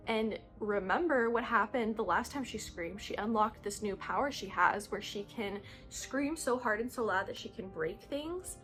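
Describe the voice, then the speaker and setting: An excitable young woman recaps a novel series in a loose, chatty way, peppering her talk with "like". Her voice sits at an ordinary pitch for a woman. Faint background music plays behind her. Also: normal speed, few pauses. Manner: excitable, heavy use of "like". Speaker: book vlogger. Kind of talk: casual book recap.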